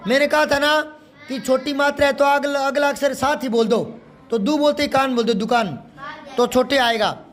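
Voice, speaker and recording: A male Hindi teacher with a strikingly high voice works through exercises. He quizzes his students and patiently repeats each correction until it sticks. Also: steady tone, normal speed, a bit bright. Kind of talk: classroom lesson explaining a workbook.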